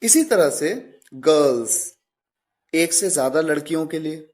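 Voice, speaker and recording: A man's voice: on the high side, expressive, measured pace, darkish tone. A man teaching a grammar lesson step by step, spelling words out letter by letter and repeating each example. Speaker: English teacher.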